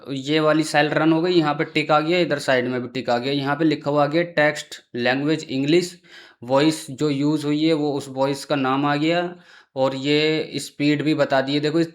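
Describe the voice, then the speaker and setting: A man hosting a casual screen-recorded tutorial, chatty and often checking in with the viewer. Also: a little high. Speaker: tutorial host.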